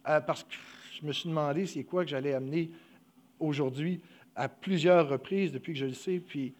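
A young man giving a sermon, emotional and halting, often dropping his voice, with many fillers. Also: on the high side, darkish tone. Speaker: preacher.

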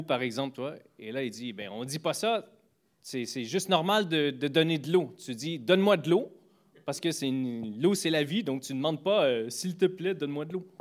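A man casually telling anecdotes about greetings and politeness, full of fillers and restarts, lifting his voice for quoted phrases. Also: mid-range voice. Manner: hesitant, many fillers and restarts; animated, voice jumps for quoted phrases. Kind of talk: casual storytelling chat.

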